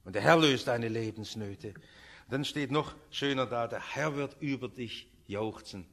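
An older man preaching a sermon in an impassioned way, building from quiet earnestness to loud, emphatic peaks. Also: mid-range voice, a little slow. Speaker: pastor.

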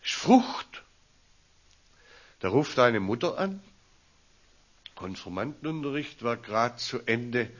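A male pastor delivers a storytelling sermon at an unhurried, deliberate pace. His voice leaps and falls in lively swings. The recording is muffled and lo-fi. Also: medium pitch. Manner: slow, deliberate, animated rises and drops. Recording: dull lo-fi recording.

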